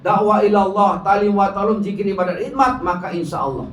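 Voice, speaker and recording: A man's voice: high-pitched, brisk, fairly bright tone. A man preaching a colloquial sermon to a gathering, often addressing the crowd directly, recorded from a distance in an echoing hall. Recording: echoey hall, distant mic, faint noise.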